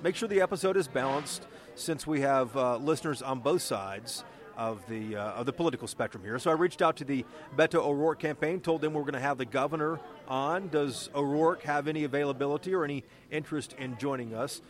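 A man's voice: mid-range voice, fairly quick. A man with an American accent, a podcast host and political reporter who speaks conversationally as he narrates and interviews.

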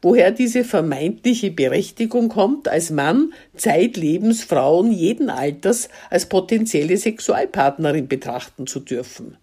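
A woman's voice: on the low side, lively intonation, unhurried, hardly any pauses, mellow, breathy edge. A woman reading the lines of a dry, skeptical woman who keeps asking probing questions. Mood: musing.

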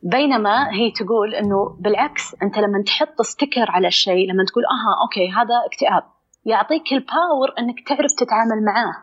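A woman's voice: fairly high pitch, fast, husky, dull audio. A woman with a Saudi accent, a psychologist explaining things conversationally and acting out inner dialogue. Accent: Saudi Arabic. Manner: expressive, acts out inner dialogue. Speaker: psychologist guest.

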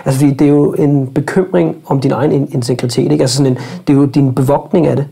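A man's voice: mid-range voice, fairly even intonation, gravelly, mellow, husky. A man as a podcast guest, reflective and thoughtful, thinking aloud and often checking in with tag questions. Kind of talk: casual conversation. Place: podcast studio.

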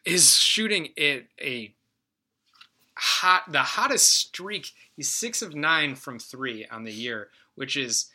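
A man's voice: on the high side, sharp tone. A man co-hosting a sports podcast, talking up young players with enthusiasm in casual chat. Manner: enthusiastic, quick asides. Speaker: podcast co-host.

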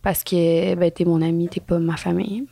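Teasing, deadpan Quebec woman. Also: on the low side, moderate pace, gravelly. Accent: Quebec French. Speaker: podcast co-host. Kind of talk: casual chat. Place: podcast studio.

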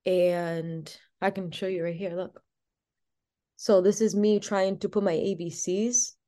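A woman's voice: on the low side, fairly even intonation, a little slow, warm tone. A woman as an interview guest, telling a personal story in a casual, chatty way with many "like" fillers.

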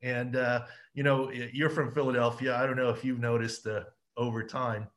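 A man's voice: mid-range voice, flat delivery, normal speed, fairly bright tone. Emphatic storytelling man, podcast host. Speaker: podcast host, injury analyst. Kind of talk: casual interview chat.

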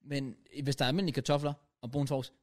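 A man's voice: mid-range voice, level tone. A young man with a Funen Danish accent, co-hosting a podcast in casual, playful chat full of slang. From Funen, Denmark. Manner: playful, slangy, laughs often. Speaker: podcast co-host.

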